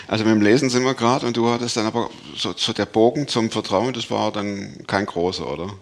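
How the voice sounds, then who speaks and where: A man hosting an interview, asking questions in a relaxed, joking manner. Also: lowish voice, fairly quick. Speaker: host. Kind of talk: casual interview.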